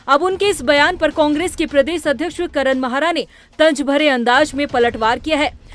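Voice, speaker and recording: एक महिला रिपोर्टर जो समाचार रिपोर्ट को लिखी हुई, ज़ोरदार शैली में पढ़ रही है।. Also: female voice, high-pitched, fairly bright tone. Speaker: news reporter. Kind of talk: scripted news narration.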